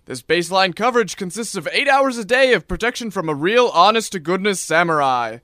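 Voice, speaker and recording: A man's voice: expressive, fairly quick, a bit bright, no room sound, clean studio sound. A man doing a hard-sell announcer voice in a spoof infomercial within a radio comedy. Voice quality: hard-sell, booming salesman delivery. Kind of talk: mock infomercial pitch.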